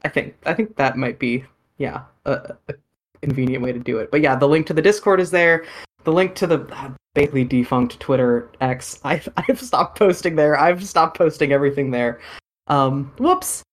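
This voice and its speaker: A podcast co-host speaking in a relaxed, wry, casual way. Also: medium pitch, moderate pace.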